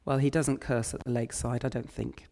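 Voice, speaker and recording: A man preaching a sermon in church, retelling scripture in an unhurried, reflective way. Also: mid-range voice, level tone, a little mellow. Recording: long church reverb.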